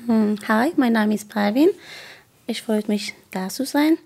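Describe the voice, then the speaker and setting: Creaky-voiced teen girl from Afghanistan. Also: on the high side, measured pace, a little mellow. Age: teens. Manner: hesitant, many fillers. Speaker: guest. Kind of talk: youth radio discussion.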